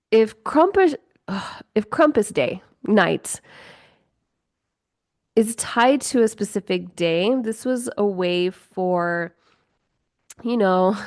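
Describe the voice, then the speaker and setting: Rambling, swearing woman podcaster, slow. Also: mid-range voice, smooth, no room sound, clean studio sound. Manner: rambling, swears, laughs often, many fillers. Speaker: podcast host. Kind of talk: casual solo podcast chat.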